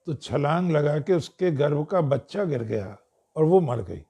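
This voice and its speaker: Slow, measured man telling stories. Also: fairly high pitch, animated, warm tone. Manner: slow, measured, clears throat often. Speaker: speaker addressing an audience. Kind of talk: storytelling cultural discourse.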